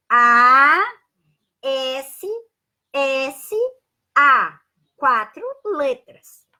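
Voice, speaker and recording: A Brazilian woman teaching a live-streamed Portuguese lesson, spelling sounds out slowly and greeting viewers by name with affectionate asides. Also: high-pitched, pushed and bright. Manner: slow, drawn-out spelling of sounds and letters.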